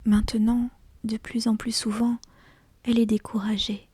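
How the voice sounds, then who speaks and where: A woman reading literary fiction as an ASMR audiobook in a hushed, breathy, deliberate whisper, close to the mic. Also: on the high side, level tone, dry recording. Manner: slow, hushed, deliberate storytelling. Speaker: audiobook reader.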